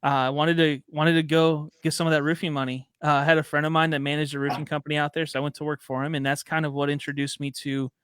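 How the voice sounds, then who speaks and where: A man's voice: on the high side, fast talker, few pauses, smooth, no echo, studio quality. A man in his thirties from Chicago, chatting and telling stories as a guest on a podcast. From Chicago, USA. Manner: chatty, storytelling, relaxed slang. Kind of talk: casual podcast conversation.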